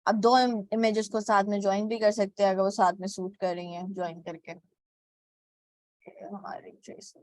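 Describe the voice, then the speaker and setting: A woman's voice: medium pitch, level tone, normal speed, darkish tone, no room sound. A woman teaching graphic design step by step, with a frequent "okay" between steps and English terms mixed into her speech. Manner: mixes English words into Hindi. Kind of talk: screen-recorded software tutorial.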